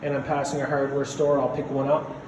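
Walking through his concrete basement with a phone camera, a man talks casually about the repairs he's doing himself, rambling, plain-spoken and full of fillers. He has a medium-pitched voice with a level tone and a brisk pace, in echoey, noisy audio.

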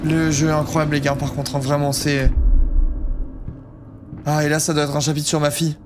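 A man's voice: fairly high pitch, completely flat delivery, normal speed, background noise. A man commentating a horror game live, scared and jumpy, swearing as he plays, close on the microphone. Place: small room indoors, lit gaming setup. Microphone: close boom microphone with headset.

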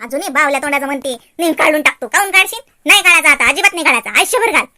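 A woman voicing a shrill, scolding village mother-in-law. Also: expressive, racing, pushed and bright, full character voice. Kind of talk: cartoon voice acting.

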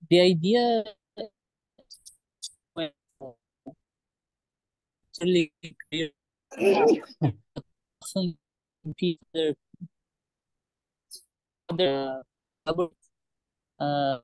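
A man's voice: on the high side, a little mellow, no room sound, low-quality recording. Man on a glitchy call, uneven volume. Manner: hesitant, halting, many fillers. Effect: audio cutting in and out, uneven volume. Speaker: student chapter member presenting. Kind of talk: online meeting.

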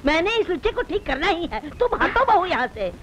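A woman playing a shrill scolding old granny. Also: big pitch swings, fairly quick, heavy background noise. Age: older. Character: scolding old grandmother, short-tempered. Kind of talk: Hindi film dub acting.

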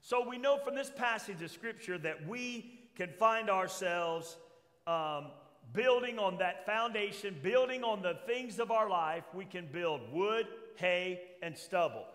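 An older man preaches from a pulpit in a church hall, his voice sitting fairly high for a man. A long reverb trails after his words as he reads scripture and puts questions to his congregation. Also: animated, measured pace, a bit bright. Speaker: pastor. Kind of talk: sermon.

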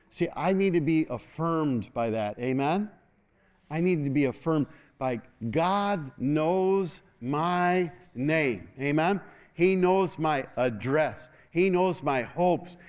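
A middle-aged man preaching with a fairly high voice. He moves about a large church stage as he speaks. He keeps calling out to the congregation for amens. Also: slow pace. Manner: animated, moves about the stage, call-and-response asking "amen". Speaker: pastor. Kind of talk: sermon.

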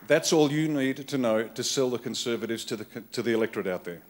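A man's voice: medium pitch, fast talker, crowd noise, background noise. A middle-aged man with an Australian accent delivers a keynote from a conference hall stage, his mid-range voice carried by a podium microphone. He speaks in short, emphatic bursts and drives each point home by repeating it. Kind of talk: rousing political keynote speech. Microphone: podium microphone on a stand.

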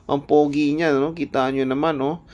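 Nagbibirong lalaking vlogger sa perya. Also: male voice, fairly high pitch, level tone, moderate pace, darkish tone. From Philippines. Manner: joking, self-mocking, laughs often. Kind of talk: casual vlog narration. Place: outdoor night market and carnival.

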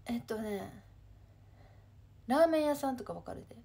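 A woman's voice: on the high side, animated, normal speed, vocal fry, dark tone, breathy edge. A young woman in her twenties with a Kansai accent, chatting casually on her livestream, reading viewer comments and answering them with frequent laughs. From Kansai, Japan. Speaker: livestream host.

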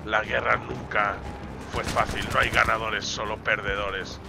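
A man voicing a grave male war narrator, speaking slowly and dramatically in a low tone. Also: flat delivery, creaky, music in the background. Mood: solemn. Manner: slow, dramatic and deep.

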